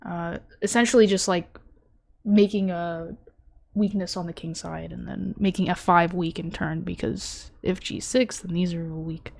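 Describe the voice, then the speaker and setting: A woman's voice: lowish voice, fairly even intonation, a little slow, gravelly, darkish tone. A young woman streaming, chatting casually as she reviews her tournament chess game, thinking aloud with lots of fillers and self-deprecating asides. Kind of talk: casual live-stream commentary.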